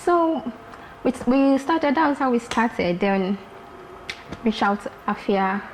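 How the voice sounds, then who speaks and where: A woman from Lagos, Nigeria, a fashion designer talking as a guest in a casual interview, lively and repeating herself for emphasis. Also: fairly high pitch, takes it slowly, slight background noise, low-quality recording.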